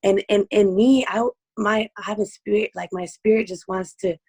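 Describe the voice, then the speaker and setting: A woman with a hoarse, strained voice, speaking earnestly as an interview guest giving personal testimony. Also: mid-range voice, fairly even intonation, moderate pace, a little mellow.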